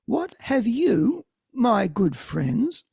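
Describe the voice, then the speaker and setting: A woman's voice: fairly high pitch, creaky, slightly rough, exaggerated voice. A woman reading the part of a brooding, mocking young prince over a video call whose audio keeps cutting out, so the volume is uneven. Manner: slow, animated delivery with sudden laughs.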